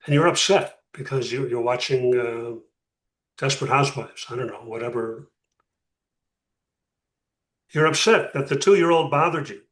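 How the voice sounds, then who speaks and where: A man speaking as a rabbi teaching a class, pausing deliberately and posing rhetorical questions. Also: mid-range voice. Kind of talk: interactive religious lecture. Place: room with a class. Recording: echoey room, distant microphone.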